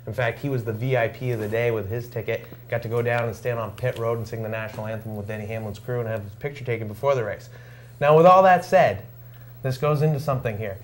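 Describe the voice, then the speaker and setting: A man's voice: mid-range voice, quick pace. A man co-hosting a live local sports talk show, telling a story in a casual, chatty way. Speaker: radio sports talk co-host.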